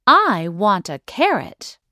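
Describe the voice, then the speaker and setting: A woman reads a children's picture book to young learners, stretching every word out very slowly. Her pitch swoops up and down expressively. The recording is dry and close, with no room sound. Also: huge pitch swings, pushed and bright, no room sound. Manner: slow, exaggerated, sing-song. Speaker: English teacher.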